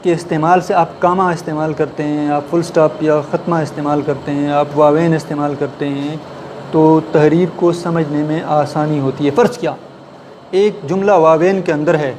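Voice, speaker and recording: A man's voice: on the high side, fairly even intonation, a little mellow, a little hiss or hum. A man teaching a writing class in a classroom, explaining step by step and often putting questions to the listeners. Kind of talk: classroom lecture. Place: classroom with a board.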